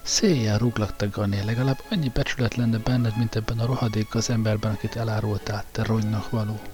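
A man's voice: on the low side, fairly even intonation, a little mellow, soft background music, close to an everyday voice. A man voicing a brutal, mocking male guard who taunts and threatens coarsely in an audiobook reading.

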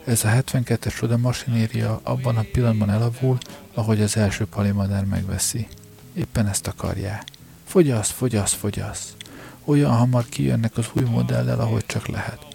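A man's voice: mid-range voice, steady tone, vocal fry, warm tone, close to an everyday voice. A man playing a weary, stubborn older shopkeeper father who grumbles sarcastically in an audiobook. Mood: sarcastic. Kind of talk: audiobook character reading.

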